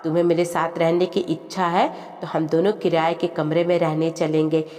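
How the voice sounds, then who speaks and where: A woman reading the lines of a young husband who calmly lays down firm conditions to his wife in a storybook tale, with music and reverb behind. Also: low voice, close to an everyday voice. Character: stern young husband setting firm terms. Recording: long reverb with background music.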